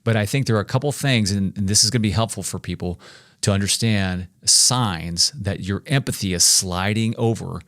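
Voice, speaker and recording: Low-voiced man in his forties. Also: moderate pace, a bit bright, no echo, studio quality. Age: 40s. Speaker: podcast co-host. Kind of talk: faith-based leadership discussion.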